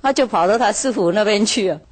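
A woman's voice: mid-range voice, quick pace. A woman telling a moral parable in a chatty way, laughing often and drawing out her filler words.

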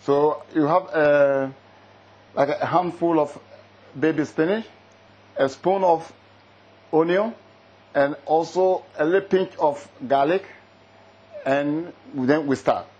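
A man's voice: a little high, takes it slowly, pauses often, a little mellow, breathy edge, highs cut off. A middle-aged man from Ghana with a Ghanaian accent, a chef who talks in a casual, hesitant way, full of fillers and restarts. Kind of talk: casual interview and cooking demo.

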